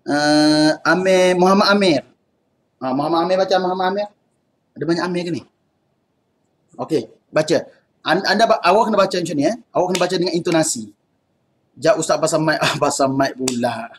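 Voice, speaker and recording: A man's voice: a little high, brisk, long pauses, slight background noise. A man with a Malaysian accent teaching an online Arabic class in a casual, chatty way, laughing often. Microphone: computer mic on video call.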